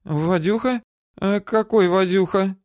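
A man's voice: high voice, a little slow, a little mellow, no echo, studio quality, pitched above the performer's own voice. A man voicing a frightened, whimpering woman for an audiobook, her voice whiny, squealing and pleading. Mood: scared pleading. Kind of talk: audiobook character voice.

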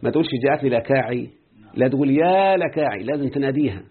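A man's voice: medium pitch, expressive, racing, breathy edge. A man with an Egyptian accent teaching an Arabic grammar lesson and often quizzing his students. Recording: muffled phone-like lo-fi audio.

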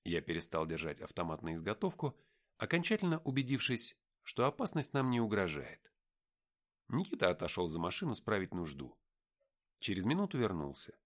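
Expressive male audiobook narrator. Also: low voice, fairly quick. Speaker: audiobook reader.

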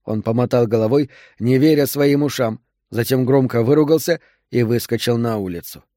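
A man narrating a novel in a measured, steady storytelling voice. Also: medium pitch, no room sound, studio quality. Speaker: audiobook narrator. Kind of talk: scripted narration.

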